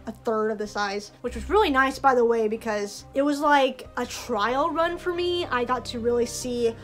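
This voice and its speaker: A woman's voice: a little high, normal speed, soft background music. A young woman talking casually in a vlog, chatty and full of fillers, her voice a bit tired. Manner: chatty, lots of "like", frequent laughs. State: voice tired from projecting. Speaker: festival cast member vlogger.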